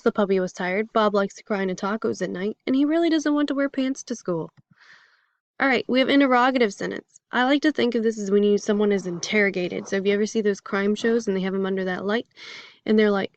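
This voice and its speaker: A woman's voice: mid-range voice, no echo, muffled recording. A woman teaching a casual grammar lesson in a chatty, upbeat way, with fillers and jokey examples.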